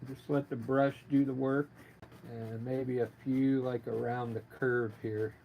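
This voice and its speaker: A man giving a casual live painting lesson as a gentle, informal instructor with a gravelly voice, talking while he works. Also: medium pitch, little pitch movement, a little slow, lo-fi sound. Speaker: painting instructor, livestream artist. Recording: noticeable background noise, live stream.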